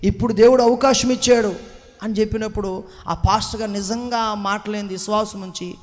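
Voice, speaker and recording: A man giving a passionate testimony sermon to a congregation, moving between hushed recollection and loud exclamations and calling out for claps and amens. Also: sits high, fairly even intonation, brisk, faint music behind. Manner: calls the congregation to clap and say amen. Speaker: preacher giving a personal testimony. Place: church hall. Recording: echoey church hall.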